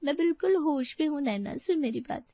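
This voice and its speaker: A woman's voice: sits high, animated, brisk, no echo. Woman doing a bossy, teasing girlfriend. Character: brash, clever young female friend. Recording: dry, slightly dull sound.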